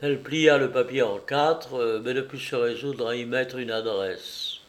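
A man narrating a classic novel in a measured, expressive storytelling manner. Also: mid-range voice, a little hiss or hum.

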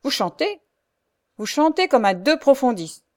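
A woman voicing a coarse, cruel old female beggar who scolds in a harsh, shrill way. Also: fairly even intonation, normal speed, natural voice. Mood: shrill scolding. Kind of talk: audiobook character reading.

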